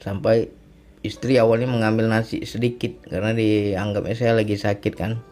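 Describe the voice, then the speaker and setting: A man with a low, mellow voice telling a religious testimony, unhurried and reflective, circling back over his own phrases. Faint music sits quietly under his voice. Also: little pitch movement. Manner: reflective, repetitive, often ends with "ya kan". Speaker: speaker sharing a personal testimony.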